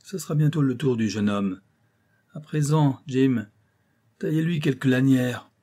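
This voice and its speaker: A man's voice: medium pitch, unhurried, dark tone, voice pushed up, natural voice. Man voicing a brutal, menacing ship captain. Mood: commanding. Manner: harsh, commanding, threatening. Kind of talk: audiobook character voice.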